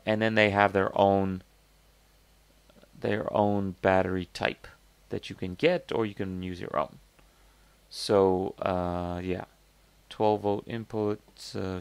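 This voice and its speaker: A man talks through a product review in a loose, rambling way, stopping and restarting as he thinks aloud. His voice sits a little low with a gravelly edge. The sound is close and dry, with no room around it. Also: flat delivery, unhurried, no echo. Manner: skeptical, conversational. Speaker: host reviewing crowdfunding products. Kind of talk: casual product review talk.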